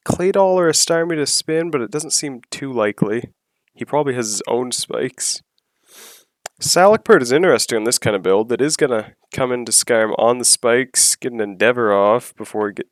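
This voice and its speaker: A slightly sick man giving relaxed, analytical play-by-play commentary on a video game battle, often pausing with "so" and "yeah" and clearing his throat. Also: on the low side, dry recording. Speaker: match commentator.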